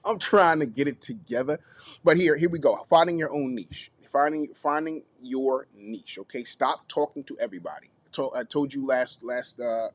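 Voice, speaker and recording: Male content coach, live stream host, energetic and repetitive, talks straight to the audience. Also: mid-range voice, moderate pace, no room sound. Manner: animated, repeats phrases, checks in with viewers. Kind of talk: YouTube live teaching session.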